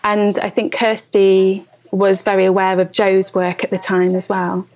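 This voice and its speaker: A woman, a photographer and educator answering interview questions in a slow, thoughtful way. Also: mid-range voice, completely flat delivery, darkish tone. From East Midlands of England.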